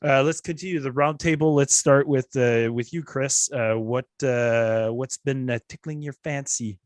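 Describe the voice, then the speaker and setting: A man hosting a live podcast in relaxed casual chat, reading out the chat and steering the roundtable. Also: medium pitch, normal speed, no room sound, studio quality. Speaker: podcast host.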